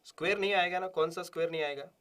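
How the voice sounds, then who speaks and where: A man's voice: high-pitched, rapid-fire, fairly bright tone, slight background noise. A man with an Indian accent teaching a live exam class, repeating key phrases with emphasis and answering his own questions. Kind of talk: live online lecture, solving exam questions.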